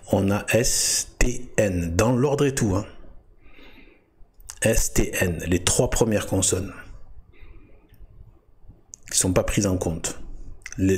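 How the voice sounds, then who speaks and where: A man with a low voice and a husky edge talks in a loose, unscripted monologue. He circles back on his words, fills gaps, and restarts half-finished sentences as he walks his viewers through a web page. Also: darkish tone. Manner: halting, full of restarts and fillers. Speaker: video host. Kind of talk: casual explanatory monologue.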